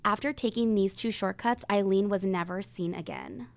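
A woman's voice: mid-range voice, moderate pace, no room sound. Woman narrating true crime, suspenseful and close-up. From Northern California. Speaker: co-host of a true crime podcast.

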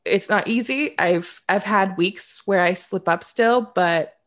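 A Canadian woman of about thirty, appearing as an interview guest, tells her story slowly in a mid-range voice. She is candid and reflective, occasionally dryly sarcastic, and often restarts her sentences.

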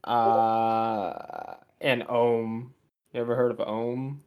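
A man with a mid-pitched voice speaks very slowly in casual podcast chat. He hesitates often and talks playfully. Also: level tone, smooth, highs cut off.

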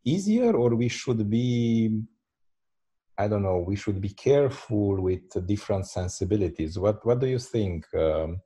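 A man from Belgium hosts a podcast and introduces his guest, pausing often on fillers. His voice is low and mellow. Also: expressive, breathy edge. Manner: halting, many fillers. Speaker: podcast host. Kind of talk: podcast interview.

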